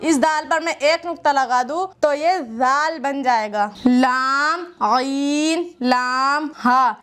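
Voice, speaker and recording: Slow, high-voiced woman teaching letters. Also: a bit bright, clean tone. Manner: patient, drawn-out letter names, pointing at the page. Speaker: Quran reading teacher. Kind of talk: slow step-by-step letter lesson.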